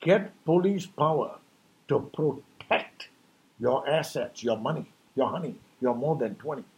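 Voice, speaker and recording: A man's voice: mid-range voice, lively intonation, measured pace, darkish tone. A man delivering an impassioned New Year message as a rhetorical monologue, emphatic and preachy, full of rhetorical questions.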